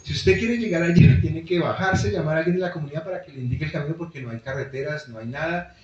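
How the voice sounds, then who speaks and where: A man's voice: a little high, fast talker. A man giving a public talk about his book in a bookstore, explaining things directly to the audience. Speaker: author presenting his book. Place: bookstore event room. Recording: very echoey, dull lo-fi room sound.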